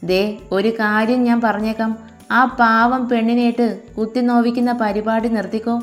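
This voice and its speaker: A woman's voice: fairly high pitch, level tone, moderate pace, faint music behind, lightly acted. A woman voicing a hot-tempered, protective young man with a fierce, commanding way of talking, reading from an audio novel.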